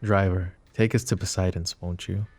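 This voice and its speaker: Here a man with a low, darkish voice speaks at a moderate pace with fairly even intonation, voicing a possessive mafia boss in a roleplay audio drama. He flirts with the listener in a polished, courteous, silky way, the smoothness edged with teasing menace.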